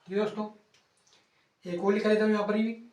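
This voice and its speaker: Male geography teacher, high voice, playful repetitive mnemonics, recorded off-mic in a roomy classroom. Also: flat delivery, a little mellow, far from the mic. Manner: repetitive, playful memory tricks with rhymes; pauses to write on a board, drawing out words. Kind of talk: exam-prep lecture.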